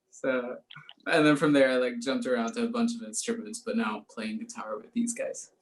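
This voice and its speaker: A man from Puerto Rico chats in an easygoing way during a casual video interview and giggles now and then. His voice is of medium pitch. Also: flat delivery, moderate pace. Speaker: band member, guest.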